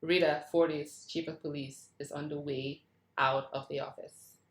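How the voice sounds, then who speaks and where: As the table read's reader of stage directions, a woman narrates scene headings and action lines over video call audio that's roomy and echoing. She speaks in a low-pitched voice with a level tone and moderate pace.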